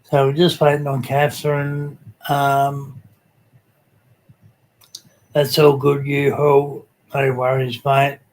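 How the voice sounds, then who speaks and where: Slow, even-toned Tasmanian man chatting casually. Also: mid-range voice, low-quality recording. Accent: Tasmanian Australian. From Tasmania, Australia. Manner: laid-back, colloquial, hesitant with frequent ums. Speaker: livestream host. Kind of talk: casual live chat, greeting viewers.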